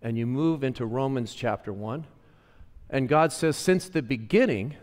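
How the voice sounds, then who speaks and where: A male pastor teaching a sermon, repeating phrases for emphasis and calling on the congregation, moving between hushed and loud lines. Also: medium pitch, normal speed. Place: church sanctuary. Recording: long reverb of a church hall.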